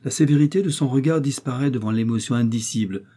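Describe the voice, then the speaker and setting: A man's voice: mid-range voice, quick pace, dark tone, slightly rough. A man narrating an audiobook of a historical romance in a lyrical, dramatic reading style.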